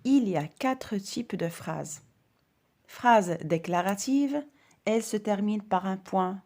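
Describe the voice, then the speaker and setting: A woman's voice: mid-range voice, expressive, takes it slowly, dark tone. A woman teaching a grammar lesson to primary school children, speaking carefully and stressing each example sentence.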